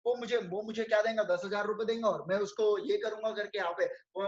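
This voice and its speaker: High-voiced Indian man teaching a lecture. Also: steady tone, lo-fi sound. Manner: reads English definitions slowly, then explains in chatty Hindi with rhetorical questions; addresses students as friends. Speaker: chartered accountancy lecturer. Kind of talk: classroom lecture mixing Hindi and English.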